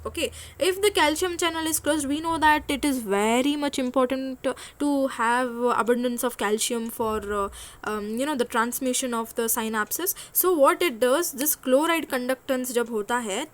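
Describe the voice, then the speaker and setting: Young woman lecturing, high voice, lots of uh and okay, corrects herself a lot. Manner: hesitant, many fillers and self-corrections. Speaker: physiology lecturer. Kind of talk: explanatory lecture.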